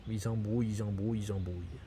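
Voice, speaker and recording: A man's voice: lowish voice, steady tone, quick pace, mellow, a little hiss or hum. A man recording outdoors in a sunny wood, reading out web pages and grumbling critically about them, with many fillers and restarts. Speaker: nature video maker.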